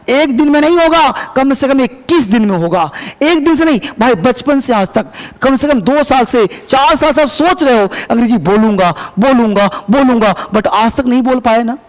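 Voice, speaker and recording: A man with a strikingly high voice gives an emphatic English lesson. He repeats key words and asks and answers his own questions. His voice rings with a long reverberant tail from the room. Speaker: English teacher. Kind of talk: motivational spoken-English lesson.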